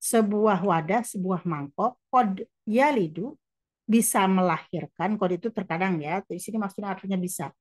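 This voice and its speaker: A woman teaching Arabic who reads each phrase slowly, then translates it and explains it again. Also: mid-range voice, no room sound.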